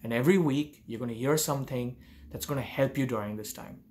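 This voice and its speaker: In a room at home, a man in his forties offers earnest business coaching directly to a close-range camera, firing off many rhetorical questions. His medium-pitched voice is a little mellow and a little fast, with slight hiss or hum in the recording.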